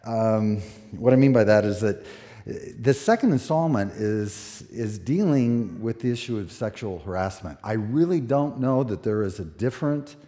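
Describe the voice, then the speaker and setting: A man in his sixties, a pastor preaching a sermon at a pulpit microphone, relaxed and conversational with many fillers. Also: on the low side, moderate pace. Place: church sanctuary. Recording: echoey church hall.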